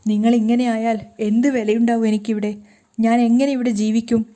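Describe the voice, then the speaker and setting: A woman voicing a hurt young wife who loudly reproaches and pleads with her hot-tempered husband. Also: a little high, steady tone, moderate pace, lightly acted. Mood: tearful pleading.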